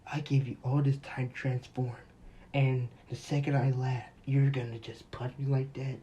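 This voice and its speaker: A man's voice: medium pitch, flat delivery, normal speed, mellow, lo-fi sound, slight background noise, close to an everyday voice. A man playing a smug, taunting warrior brute. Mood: mocking. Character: cocky, mocking young male warrior brute.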